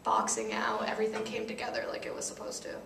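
Young female college player, gravelly, quick chime-ins, far mic in an echoey room. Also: fairly high pitch, a crowd in the background. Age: early 20s. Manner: quick, chiming in. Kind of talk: postgame press conference. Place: press conference room.

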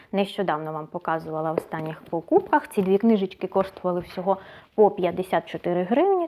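A woman's voice: mid-range voice, darkish tone, slight background noise. Chatty woman book blogger sorting books. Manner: chatty, thinks aloud, often says "so" between items. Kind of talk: casual vlog, sorting books aloud.

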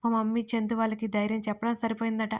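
Woman storyteller with a slightly high, level delivery, reading a heartfelt first-person story. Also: completely flat delivery, fast, a little mellow. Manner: emotional storytelling, voicing all characters herself. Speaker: writer and narrator.

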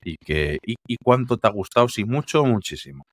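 A man's voice: fairly low pitch, animated, brisk, no room sound. A man co-hosting a podcast, asking his partner playful questions in casual chat about TV series. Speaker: podcast co-host.

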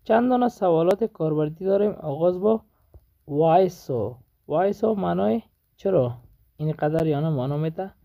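Man, Afghan Dari accent, gravelly, fairly high voice, dull lo-fi recording, slow drilling teacher. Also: animated, warm tone. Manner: drills English questions slowly, then translates. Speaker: English teacher. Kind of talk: language lesson.

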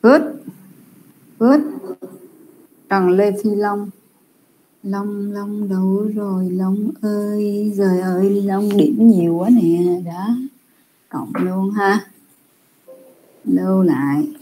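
Patient woman teacher explaining slowly. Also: mid-range voice, fairly even intonation, warm tone, slight background noise. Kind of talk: online Japanese class correction.

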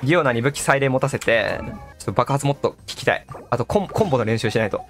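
A man doing excitable live gameplay commentary as a streamer. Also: mid-range voice, fast talker. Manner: excitable, exclaiming, echoes game lines. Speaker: gaming streamer. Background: game music and sound effects.

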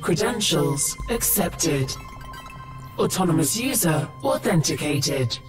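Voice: medium pitch, expressive, slow, music in the background. Someone voicing a distant, robotic computer system announcer. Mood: impersonal, procedural. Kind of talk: video game system announcements.

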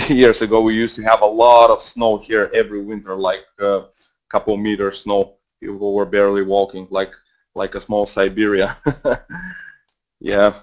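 A Bulgarian trading mentor in his twenties, with a Bulgarian accent and a lowish voice, hosts a live trading webinar over a headset mic. His delivery is casual and rambling, full of fillers and restarts.

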